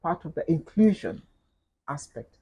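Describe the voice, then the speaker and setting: A middle-aged woman with a Kenyan accent, speaking as an interview guest in a measured, thoughtful way, with frequent fillers and repeated words. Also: low-pitched, expressive, dark tone, slightly rough, low-quality recording. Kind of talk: reflective interview conversation.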